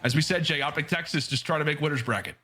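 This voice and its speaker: A man giving animated, conversational esports commentary as a broadcast caster. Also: fairly high pitch, fast. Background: music.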